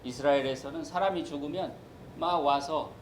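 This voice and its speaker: A man's voice: a little high, moderate pace, a little hiss or hum, low-quality recording. A man preaching a sermon as pastor, emphatic and acting out the voices he quotes.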